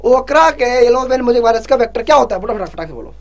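A male exam prep teacher leading a live online revision class. He keeps pushing students to answer fast and jokingly scolds them. He reads the English questions out slowly and explains them in Hindi. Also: very high voice, animated.

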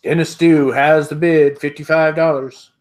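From a room in his home filled with sports memorabilia, a middle-aged auctioneer runs a live online auction, calling bids in a steady, repetitive, unhurried rhythm. His voice is a bit high for a man, and he laughs frequently between calls. The audio comes through an earbud headset on a video call.

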